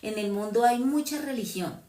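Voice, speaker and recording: A woman's voice: fairly high pitch, moderate pace, dark tone, recorded from a distance. A woman from Huila, Colombia, with a Huila accent, giving an informal sermon in a conversational way, often checking in with "¿no?" and "¿sí?". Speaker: preacher. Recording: echoey room, voice from off-mic.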